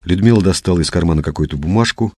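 A man narrating an audiobook in an even, unhurried storytelling manner. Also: sits low, breathy edge. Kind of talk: scripted narration.

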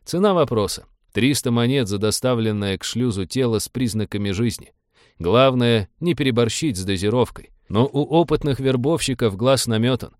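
A man narrating an audiobook in steady, even storytelling. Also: medium pitch, moderate pace, no room sound, clean studio sound.

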